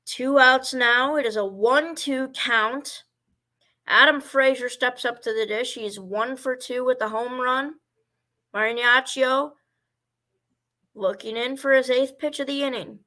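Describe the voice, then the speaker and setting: A man's voice: very high voice, fairly even intonation, measured pace, pushed and bright. A man doing amateur baseball play-by-play commentary, rambling and stumbling over player names.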